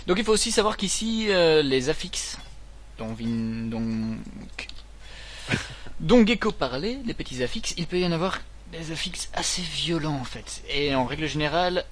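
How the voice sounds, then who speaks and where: A man's voice: fairly high pitch, animated, moderate pace. A man co-hosting a gaming video, casually explaining game mechanics between jokes and banter. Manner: explains game mechanics while joking around. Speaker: gaming channel co-host. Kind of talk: casual let's-play commentary.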